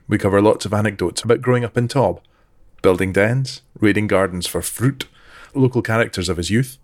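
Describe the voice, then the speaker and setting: A man hosting an interview podcast, reading a measured scripted introduction and asking questions. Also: fairly low pitch. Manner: measured, reads sponsor details slowly and clearly. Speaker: podcast host.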